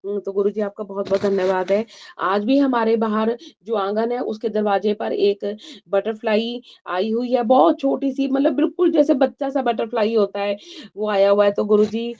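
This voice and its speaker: A woman giving a heartfelt, thankful devotional testimony, speaking in a halting way. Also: mid-range voice, steady tone, warm tone. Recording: dull lo-fi audio.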